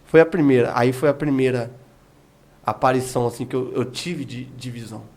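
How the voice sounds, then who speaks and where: A man's voice: mid-range voice, brisk, a little mellow. A man, an evangelist giving his testimony as a podcast guest, telling his story vividly and acting out what was said. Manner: vivid storytelling that acts out remembered dialogue.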